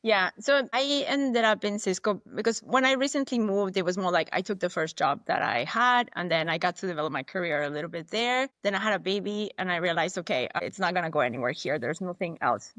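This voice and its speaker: Her medium-pitched voice has lively intonation and a fairly bright tone, and she talks a little fast. A non-native English speaker being interviewed, she shares her story with candor and thought, restarting often and quoting what she herself said, captured on a dry, studio-quality recording.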